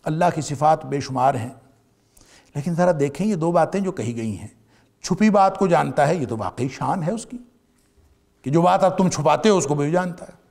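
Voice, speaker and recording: A man teaching a Quran commentary lesson to a seated audience. He recites each verse, explains it, and swings from raised emphasis to a hush. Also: fairly high pitch, animated, gravelly. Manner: rising emphasis then dropping to a hush.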